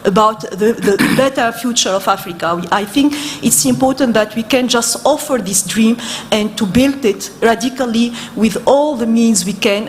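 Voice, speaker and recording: A woman's voice: a little high, slight background noise. Woman listing points on a panel. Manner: lists points by number, hesitant fillers. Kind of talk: panel discussion remarks. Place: conference hall.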